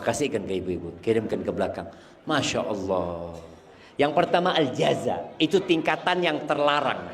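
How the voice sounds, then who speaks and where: A man's voice: medium pitch, big-room sound. A male preacher giving a sermon and quizzing his congregation.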